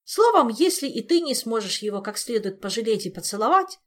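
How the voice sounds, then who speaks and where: A woman's voice: fairly high pitch, sing-song, fairly quick, voice pushed up. A woman reading an audiobook, voicing a hesitant young man who speaks in an unsure, pleading way.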